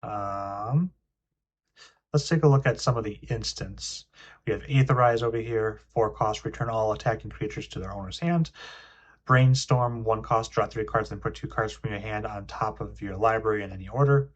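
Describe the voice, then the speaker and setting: A man's voice: lowish voice, normal speed. A young man hosting a casual card game review, reading card text aloud between frequent ums and uhs. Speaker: card game video host.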